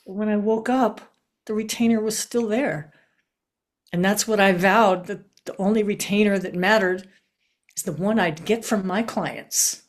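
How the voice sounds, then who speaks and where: A woman playing a vicious, cynical lawyer in an improvised comic scene, talking brashly and deadpan over a video call. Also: medium pitch, unhurried, natural voice.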